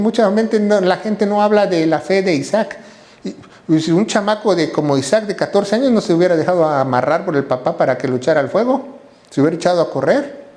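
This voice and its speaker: A man's voice: high voice, a little mellow. A man preaching a sermon as pastor, asking rhetorical questions and checking in with "¿verdad?". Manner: acts out quoted voices.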